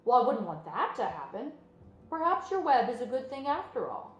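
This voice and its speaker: A woman's voice: on the high side, sing-song, dull audio. A woman voicing a timid, earnest young male pig in a storybook, plaintive and easily horrified. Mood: doubtful, earnest. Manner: gloomy, drawn-out, plaintive. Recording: roomy sound with music underneath.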